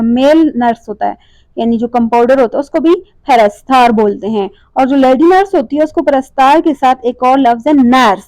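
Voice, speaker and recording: Woman teacher, high-pitched, dry close sound, drills words one by one and answers her own questions. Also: darkish tone, dry recording, low-quality recording. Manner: repeats each word slowly, asks and answers own questions. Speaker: language teacher. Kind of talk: slide-based language lesson.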